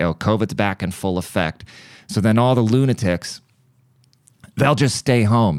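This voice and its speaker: Man, deep voice, dry close sound, podcast host, crude casual comic rant. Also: dry recording. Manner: crude, irreverent storytelling. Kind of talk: casual comedic monologue.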